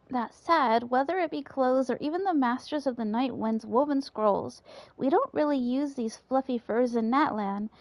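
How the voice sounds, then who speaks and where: Proud young fur merchant, upbeat and salesy, high and dry. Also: female voice, no room sound.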